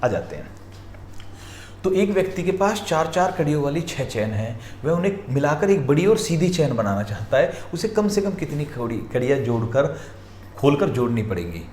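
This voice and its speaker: A man runs through reasoning practice questions step by step, urging viewers to pause and look closely. His voice is a little high, very animated and a little mellow, recorded in an echoey room with faint noise.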